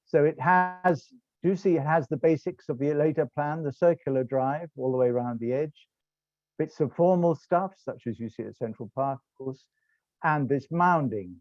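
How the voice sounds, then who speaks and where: A middle-aged British man from England, with an English accent, gives an online lecture over slides as a lecturer and tour guide. His fairly high voice moves at a moderate pace, rambling and correcting itself, and the audio is dull with no echo.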